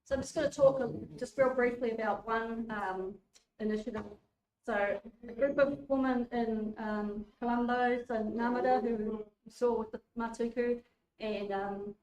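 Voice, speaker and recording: A woman gives an informal community lecture, rambling and chatty, her voice sitting a little high. She is picked up from across an echoey hall, with faint room noise underneath. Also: darkish tone, far from the mic. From New Zealand. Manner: chatty, informal, lots of fillers and restarts. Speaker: guest speaker. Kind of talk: public lecture.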